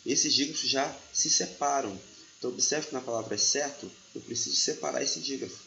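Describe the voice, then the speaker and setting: A man's voice: medium pitch, a little fast, vocal fry, bright, forceful tone, a little hiss or hum. A man, teaching a grammar lesson step by step and often checking in with the listener. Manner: didactic, checks in with "tá bom?". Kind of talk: explaining a lesson. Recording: echoey room, slightly dull audio.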